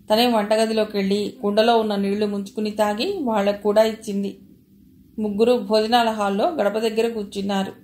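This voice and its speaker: Woman narrating a novel in a roomy space. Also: mid-range voice. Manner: even, measured reading. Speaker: audiobook narrator. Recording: roomy with faint ambience.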